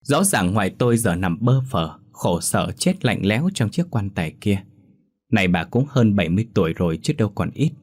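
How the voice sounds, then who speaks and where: A man's voice: lowish voice, very animated, a little fast, a little mellow, slightly rough. A man narrating a first-person story in a bitter, scornful tone.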